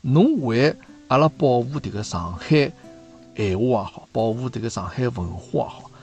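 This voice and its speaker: A man's voice: mid-range voice, expressive, normal speed, a little mellow, soft background music. A man in his fifties with a Shanghainese accent, hosting a casual chat and often checking that his guest agrees. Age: 50s. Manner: chatty, often asks for agreement. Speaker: host.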